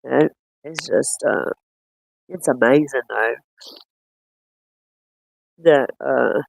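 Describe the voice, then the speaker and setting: A man chatting casually while reviewing footage, rambling and quick to laugh. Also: mid-range voice, vocal fry, slight background noise. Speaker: cryptid-hunting streamer.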